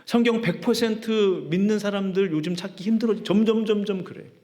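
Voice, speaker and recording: A man's voice: high voice, fairly even intonation, fairly quick, a little mellow. A man preaching a sermon as pastor, emphatic and full of rhetorical questions. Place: church sanctuary.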